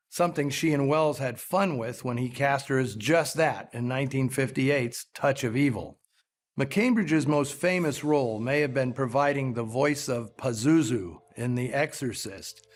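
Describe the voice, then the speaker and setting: A man hosting a film program, delivering scripted commentary in a measured, articulate storytelling way. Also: medium pitch. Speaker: film show host.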